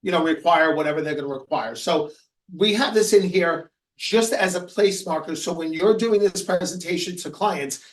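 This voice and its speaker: A man with a high voice coaches agents on a webinar, telling stories earnestly. His voice sits a little back from the mic. He drops soft and low when a story turns sad. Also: normal speed, roomy sound, distant mic. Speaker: real estate coach. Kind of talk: webinar presentation.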